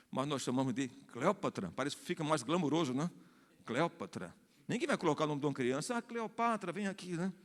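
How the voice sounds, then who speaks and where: A man with a Brazilian Portuguese accent teaching a Bible study as a pastor, explaining at length and often checking in with his listeners. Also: mid-range voice. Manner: explanatory, repeats and restarts phrases, asks the congregation "né?". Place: church hall. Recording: long hall reverb.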